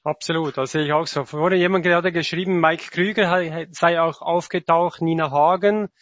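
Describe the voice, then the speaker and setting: A man hosting a casual online talk, slow and easygoing. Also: a little high, fairly even intonation, a bit bright, dry recording, highs cut off. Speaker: host.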